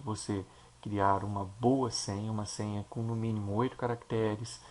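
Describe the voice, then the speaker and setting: A man with a Brazilian Portuguese accent, a teacher explaining a software installation step by step and checking in with his listeners. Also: lowish voice, vocal fry, a little hiss or hum. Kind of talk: screen-recorded software tutorial.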